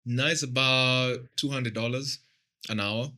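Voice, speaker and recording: Easygoing man, bright voice. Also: mid-range voice, steady tone, a little slow. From Kenya. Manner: easygoing, joking. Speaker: podcast guest, pilot. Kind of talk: casual podcast chat.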